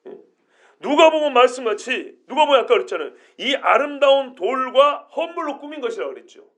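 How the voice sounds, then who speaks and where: High-voiced, animated male pastor preaching. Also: brisk. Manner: animated, acting out quotes, rhetorical questions to the congregation. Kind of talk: expository sermon.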